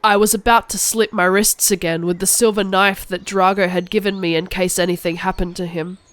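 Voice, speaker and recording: A woman's voice: medium pitch, flat delivery, brisk. A woman narrating a cartoon story in the first person as a melodramatic, angsty goth teenage girl.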